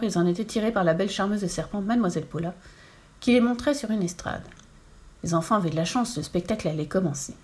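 A woman narrating a children's storybook aloud in a steady, clear storytelling voice. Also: mid-range voice. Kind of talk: storybook reading.

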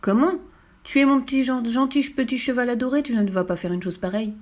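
Woman reading as a bold little redhead girl, cheeky and loud, voice pushed up high for the storybook. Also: fairly even intonation, quick pace, natural voice. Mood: pleading. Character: bold cheerful little red-haired girl, super strong. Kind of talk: audiobook character voice.

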